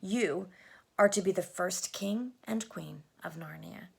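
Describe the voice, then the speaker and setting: A woman voicing a kindly, solemn great lion king, speaking in a grave, measured, hushed way. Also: fairly low pitch, vocal fry, slightly rough, exaggerated voice.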